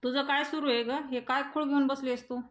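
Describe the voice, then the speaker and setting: A woman's voice: sits high, level tone, brisk, lightly acted. A woman reading the lines of a frustrated young man arguing with his family, in her own voice. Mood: annoyed. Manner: read out plainly in the narrator's own voice.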